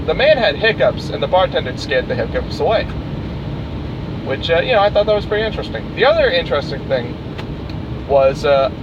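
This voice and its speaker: A young man co-hosting a casual podcast, swearing a lot and teasing his co-host, with plenty of fillers and restarts. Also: fairly high pitch. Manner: crude, teasing, swears often, halting with many fillers. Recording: dull lo-fi recording with clear background noise.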